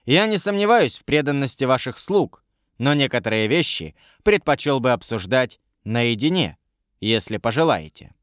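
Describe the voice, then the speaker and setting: A polite young royal adviser in an audiobook, measured and courteous, in a man's plain mid-range voice, as the narrator puts him on. His voice is lively and expressive, recorded dry and close. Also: mid-range voice, no room sound. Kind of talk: audiobook character reading.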